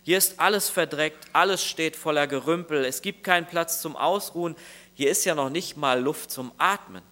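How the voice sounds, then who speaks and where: A man's voice: a little high, moderate pace, bright, forceful tone. A man voicing a frantic man scrambling to clean his messy house for a visit from God, flustered and exclaiming, in a sermon story.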